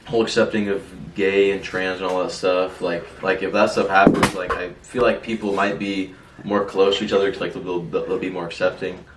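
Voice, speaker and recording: Young guy w braces, kinda low voice, halting n repeating himself, echoey far mic. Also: flat delivery. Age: young adult. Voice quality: slightly impeded speech from wearing braces. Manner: halting, repetitive, peppered with 'like'. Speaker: podcast guest. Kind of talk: casual chat. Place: small bare room, indoors at a table. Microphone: distant camera or room mic. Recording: roomy echo, distant mic, background noise.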